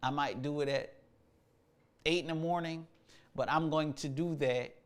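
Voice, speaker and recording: His voice is fairly high, clear and resonant, with a steady tone and measured pace. The man, a musician hosting a casual livestream, discusses music practice in laid-back slang, musing aloud and filling gaps with fillers.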